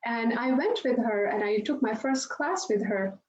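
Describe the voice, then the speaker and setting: A woman from India, a yoga instructor, chats as an interview guest from her home yoga studio, laughing often as she tells stories in a casual way. Her voice is a little high and expressive at normal speed, and the video-call audio sounds roomy and dull with faint noise.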